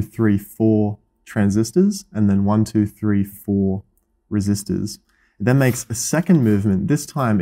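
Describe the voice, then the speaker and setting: A man's voice: fairly low pitch, dark tone. A young man with an Australian accent hosting a casual vlog in an indoor workshop, explaining electronics assembly with enthusiasm. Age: young adult. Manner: enthusiastic, explanatory, counting things out. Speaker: host.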